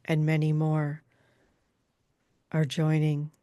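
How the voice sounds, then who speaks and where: A woman trance channeling a calm female spirit like a seance medium, speaking in formal, halting, measured pronouncements. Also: deep voice, clean tone, dry recording, studio quality. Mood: solemn, measured.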